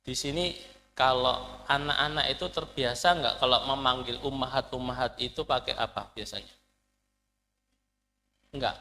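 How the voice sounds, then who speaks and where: A man from Indonesia with a mid-range, sharp voice teaches an Arabic class in a lecture hall, explaining patiently and quizzing his students. Slight background noise and long hall reverb are audible.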